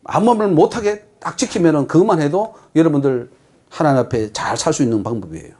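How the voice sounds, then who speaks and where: A man's voice: on the high side, animated, fast talker, warm tone. A man with a Gyeongsang accent preaching a sermon as pastor, emphatic and putting rhetorical questions to the congregation. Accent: Gyeongsang Korean.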